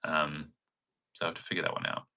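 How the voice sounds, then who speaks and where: A young man from New Zealand who designs crochet patterns hosts a casual livestream, giggling and chatting with plenty of likes and ums. His very deep voice is bright and forceful yet completely flat, and he talks quickly.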